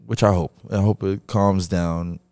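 A man's voice: deep voice, fairly even intonation, a little slow, a little mellow, clean tone. A young man co-hosting a casual late-night podcast, talking loosely with lots of profane slang and jokes.

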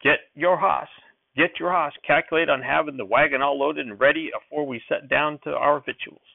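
Pushing his voice up to a fairly high pitch, a man performs an excited old country grandfather with a creaky, quick, raised twang and folksy dialect. The sound is thin, dry and phone-like, with no echo.

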